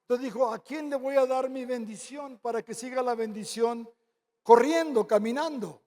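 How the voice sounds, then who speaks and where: A high-pitched man preaching with a Mexican Spanish accent. He tells stories in a lively way, acting out both sides of a conversation and tossing in quick asides. His voice rings with long reverb through a church sanctuary. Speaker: pastor. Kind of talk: sermon with storytelling.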